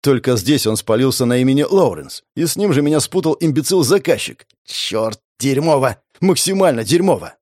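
A man narrating a first-person audiobook in a gritty, sardonic way, cursing often and dropping into low mutters. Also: expressive, moderate pace, hardly any pauses, darkish tone, no room sound, studio quality.

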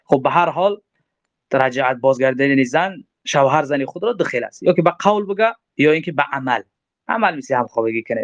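A man's voice: on the high side, no room sound. A man gives a religious law lecture, reading Arabic lines and explaining them with rhetorical questions. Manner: reads Arabic text aloud, then explains with rhetorical questions. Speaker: religious teacher. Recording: dull, lo-fi dry recording.

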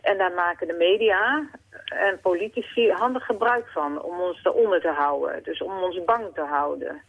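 A woman's voice: on the low side, normal speed, vocal fry, breathy edge. A woman phoning in to a radio show, talking earnestly with many fillers and restarts. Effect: phone-line caller to a radio show. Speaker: caller. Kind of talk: late-night radio call-in chat. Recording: tinny phone line.

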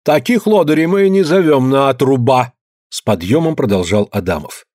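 A man's voice: mid-range voice, animated, normal speed, darkish tone, no echo, clean studio sound, close to an everyday voice. A man voicing a haughty male official who declaims to peasants in an audiobook. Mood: pompous. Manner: pompous, declaiming.

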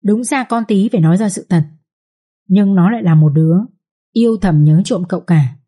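A woman narrating a dramatic story in a steady storytelling manner. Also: mid-range voice, normal speed, husky.

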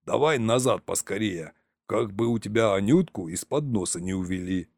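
A man's voice: on the low side, expressive, moderate pace, creaky, no echo, studio quality. Man doing a sly teasing older uncle. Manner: teasing, hesitant. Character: older uncle, sly grandfather of the hero's girlfriend.

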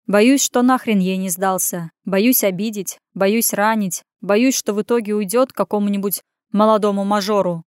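A gruff grown man answers in short, grumbling phrases, as a woman reader voices him. The voice stays mid-pitched and plain. The audiobook recording is dry and close. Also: normal speed, no room sound, close to an everyday voice. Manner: curt and grumbling. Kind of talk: audiobook character voice.

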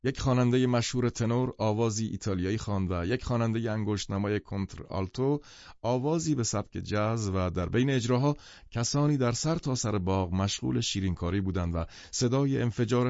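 Gravelly-voiced male audiobook narrator. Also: on the low side, dry recording. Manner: lively, expressive reading. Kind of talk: scripted narration. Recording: dull lo-fi dry recording.

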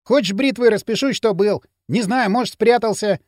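A man's voice: high voice, moderate pace, a little mellow, no room sound, studio quality, voice pushed up, natural voice. A man playing a small, aggressive teenage thug who snarls threats. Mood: agitated.

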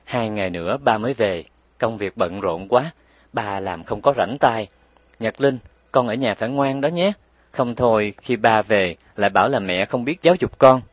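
A man voicing a tender but firm mother who explains patiently and scolds gently, in a raised voice. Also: lowish voice, normal speed, no echo, close to an everyday voice.

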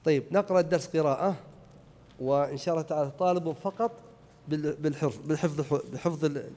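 Male grammar teacher, high voice, patient and repetitive, hall echo. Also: fast, dark tone. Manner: repeats key points, checks students understand. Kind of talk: explaining a grammar lesson. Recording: echoey hall reverb.

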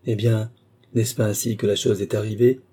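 A man reading the part of a gentle, compassionate noble princess who speaks calmly and tenderly, in an audiobook. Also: lowish voice, normal speed, breathy edge. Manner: tender, calm, reasoning.

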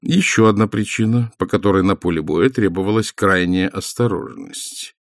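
A man narrating an audiobook in an expressive, storytelling manner. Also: low voice, normal speed, gravelly, no room sound, clean studio sound. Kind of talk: scripted narration.

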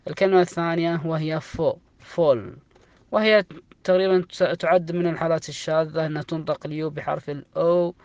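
A man's voice: fairly high pitch, steady tone, clean tone. Guy teacher drilling words over and over, lo-fi muffled sound, no room echo. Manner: slow, repetitive drilling of sounds. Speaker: English teacher. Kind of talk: beginner language lesson. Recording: dry, dull lo-fi recording.

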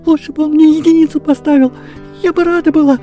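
A woman's voice: a little fast, dark tone, faint music behind, natural voice. A woman doing a sobbing remorseful schoolgirl. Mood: weepy. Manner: sobbing, high and pleading. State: crying.

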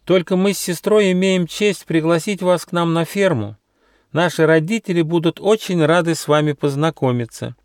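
A man's voice: fairly high pitch, normal speed, darkish tone, dry recording, clean studio sound, voice pushed up, natural voice. A man voicing a polite, well-mannered young sheep girl in a storybook reading. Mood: delighted. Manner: courteous and eager.

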